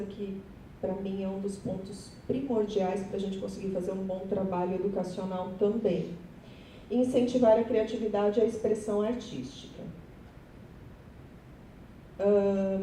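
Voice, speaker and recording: A woman teacher with a Brazilian Portuguese accent and a dark tone presents her class project to fellow teachers, nervous, chatty and self-deprecating, often turning to address the audience. She sounds far off in an echoey hall with a faint rumble.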